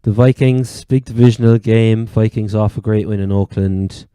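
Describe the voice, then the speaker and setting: A man's voice: on the low side, steady tone, normal speed, mellow, clear, resonant tone, dry recording. A man with an Irish accent from Cork, hosting a casual sports chat. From Ireland. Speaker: sports podcast host.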